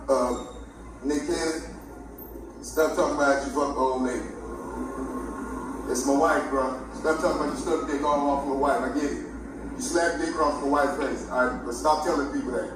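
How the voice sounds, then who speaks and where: A man in a casual podcast chat, rambling playfully and breaking off mid-sentence. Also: medium pitch. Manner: rambling, playful, interrupts himself. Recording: echoey distant mic with background noise.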